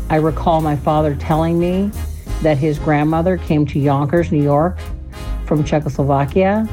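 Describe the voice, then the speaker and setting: Low, mellow woman from Alaska, music behind. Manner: measured, reflective reading. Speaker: listener telling her story. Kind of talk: read personal testimony.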